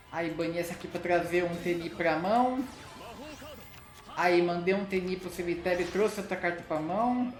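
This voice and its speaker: A Brazilian Portuguese speaker giving casual card game commentary in an informal manner, often checking in with short tag questions. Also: medium pitch. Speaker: gaming channel host. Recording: roomy echo with faint music. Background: music.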